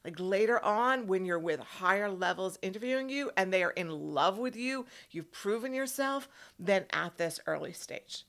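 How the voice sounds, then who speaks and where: A career coach hosting an advice video, a woman speaks straight to the viewer in an emphatic, instructional way and often checks in with short tag questions. Her mid-range voice is expressive and fairly bright. She talks at normal speed with few pauses.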